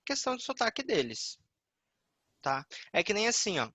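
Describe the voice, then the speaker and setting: A male English teacher with a bright, forceful tone explains a point to his students. He goes step by step and keeps checking that they understand. The sound is dry and close, with no room echo. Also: high voice, big pitch swings, moderate pace. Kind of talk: online class explanation.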